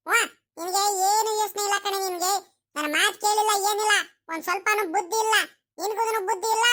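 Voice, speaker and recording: A woman's voice: very high voice, sharp tone. A woman voicing a worried, nagging village mother in a comedy cartoon. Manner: nagging, insistent.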